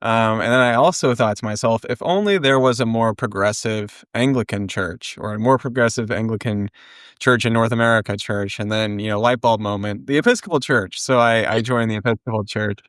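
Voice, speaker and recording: A young adult man telling his story in a podcast interview, relaxed and reflective with frequent ums. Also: on the low side, a little fast, smooth, dry recording, clean studio sound. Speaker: podcast co-host and guest.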